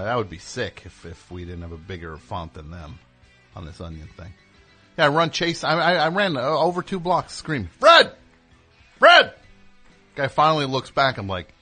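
A man hosting a live radio show, rambling in casual chat with sudden loud yelled bursts. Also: medium pitch, slightly rough.

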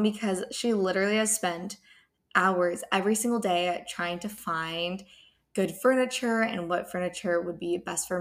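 A woman's voice: mid-range voice, a bit bright. A young woman hosting a podcast, giving casual moving advice in a chatty, earnest way from an empty apartment, her voice echoing off bare walls. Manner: chatty, earnest, repeats herself. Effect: echo bouncing off bare walls. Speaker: podcast host.

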